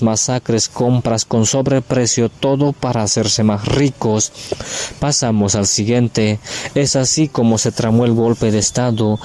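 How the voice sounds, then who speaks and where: Man, radio correspondent, monotone, mellow dark voice, steady reading of headlines. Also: medium pitch. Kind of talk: read news bulletin.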